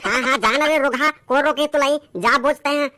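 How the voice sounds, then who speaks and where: A woman voicing a sharp-tongued village mother in a comic skit, scolding her lazy son in a Chhattisgarhi accent. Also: sits high, fairly even intonation, moderate pace, background noise, natural voice. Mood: taunting. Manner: nagging, taunting.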